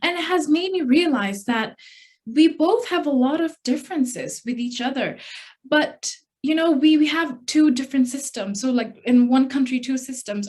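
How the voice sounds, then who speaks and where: Young woman from hong kong, contest speech, earnest storytelling, kinda high voice. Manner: earnest storytelling, acts out quoted dialogue. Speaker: test speaker at a speech contest. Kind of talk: prepared speech.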